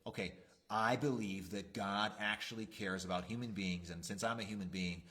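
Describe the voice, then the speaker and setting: A man with a somewhat low voice talks through matters of faith on a church youth show. He rambles reflectively and leans on fillers like "you know" and "uh". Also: fairly even intonation, moderate pace, a bit bright. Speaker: church youth leader co-host. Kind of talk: casual faith discussion.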